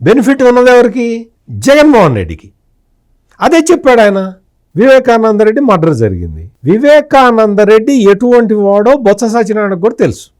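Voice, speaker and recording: A man's voice: high-pitched, very animated, normal speed, darkish tone. A middle-aged man, a senior journalist, giving political commentary with fiery rhetorical questions.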